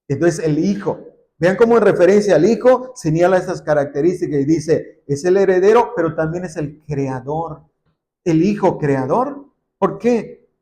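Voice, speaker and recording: A man's voice: fairly high pitch, darkish tone. A man preaching a sermon, reading scripture aloud with rising emphasis and posing rhetorical questions that he answers himself. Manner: asks and answers his own rhetorical questions.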